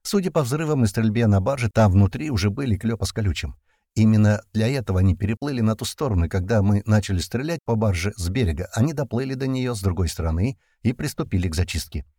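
A man's voice: on the low side, animated, quick pace, no echo, studio quality. A man narrating a first-person action audiobook in a tense storytelling manner. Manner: tense storytelling with shouted commands.

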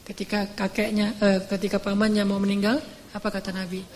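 A young man preaching casually at a live lecture, telling the story in relaxed everyday speech, acting out dialogue and growing soft and slow at moving points. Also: sits high, slight background noise. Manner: conversational, slangy, acts out dialogue; slows and softens at emotional points. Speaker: Islamic preacher. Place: live lecture venue with audience. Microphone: audience phone recording.

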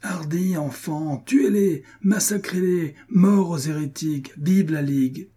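A shrill, shouting innkeeper, put on by a man reading an audiobook, his husky voice pushed far up into a high, straining pitch. He bellows as if calling for help, rough and dark in tone. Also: unhurried. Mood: rallying. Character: panicked bellowing middle-aged male innkeeper.

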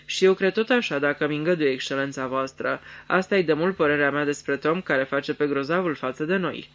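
A man's voice: on the high side, fairly bright tone. A man voicing a sly, fawning jockey servant in a radio theatre reading, servile and ingratiating.

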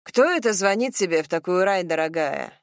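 Lady reading as a calm businessman, steady and even, dry sound. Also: fairly low pitch, a little fast, no room sound, lightly acted. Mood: curt. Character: composed, businesslike older man, former fiancé.

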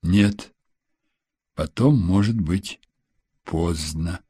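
A man reading a wounded fugitive in hiding, who speaks softly and gravely. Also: lowish voice, lively intonation, unhurried, no room sound, studio quality, exaggerated voice. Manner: soft, grave.

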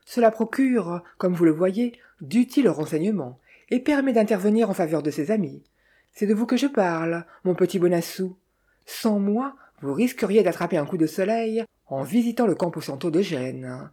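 A woman's voice: on the low side, lively intonation, moderate pace, dark tone, husky. A woman reading the lines of a mocking, good-humored male detective in an audiobook, with a wry, teasing manner.

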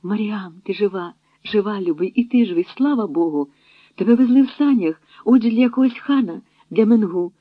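A sobbing young captive woman cries out high and breathless, as a narrator puts her on. The audio is thin and phone-like, and the sound is bone-dry. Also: a little fast, breathy edge, no room sound, natural voice. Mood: tearful.

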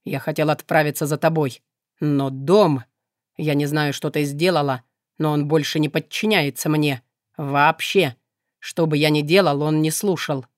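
A woman voicing a menacing, brooding male demon in a low, quiet, restrained growl. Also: steady tone, measured pace, no room sound, clean studio sound. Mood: angry.

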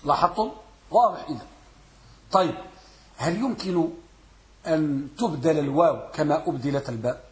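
A man teaching Arabic grammar in a classroom, quizzing his students and repeating words slowly to drill them. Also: fairly high pitch, roomy sound. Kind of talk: classroom lesson with questions to students.

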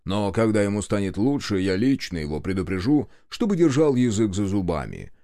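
A man's voice: fairly low pitch, sing-song, a little fast, dark tone, dry recording, clean studio sound. A man doing a smug, stern police sergeant.

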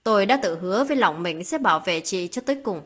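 A woman narrating a late-night story as a storyteller, in a calm, steady reading voice. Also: mid-range voice, fast talker, husky.

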